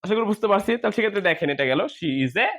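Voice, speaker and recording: In a classroom grammar lesson, a man with a high, light, slightly bright voice spells each word out letter by letter. Then he asks the class a question and answers it himself, all in an animated, rapid-fire way.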